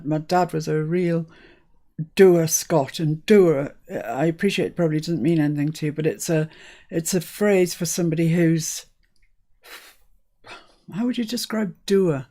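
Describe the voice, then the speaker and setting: A crafting channel host born in Scotland talks casually and laughs a lot during a live stream captured on a live-stream microphone. She speaks a little slowly in a lowish, warm voice.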